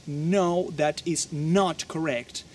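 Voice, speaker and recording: A man who speaks Spanish as his first language, teaching English in a lesson and drawing out model words to be repeated. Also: fairly high pitch. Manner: slow, drawn-out model pronunciations with lively teacherly emphasis.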